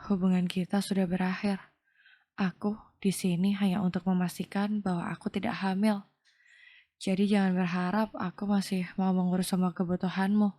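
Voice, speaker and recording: A woman's voice: medium pitch, little pitch movement, moderate pace, warm tone, natural voice. A woman reading the lines of a defiant young woman in an audio novel, speaking sharply and with irritation. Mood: irritated. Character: defiant young woman, fed up with her ex-lover.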